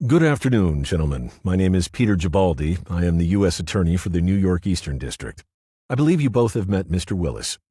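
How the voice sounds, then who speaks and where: Man playing a deep-voiced prosecutor, measured, formal, self-satisfied, husky, dry booth sound. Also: sing-song, mellow, no room sound, exaggerated voice. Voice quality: deep, well-modulated. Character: smooth, calculating male prosecutor, politician type.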